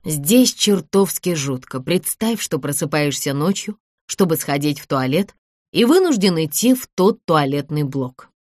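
A woman's voice: low voice, animated, a little slow, a little mellow, no room sound, clean studio sound. A woman voicing a young heroine who speaks earnestly and coaxingly in a thriller audiobook. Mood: uneasy. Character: brave young woman, tense but kind.

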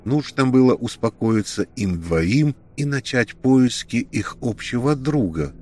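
A man narrating a tense story in a steady, measured read. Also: mid-range voice.

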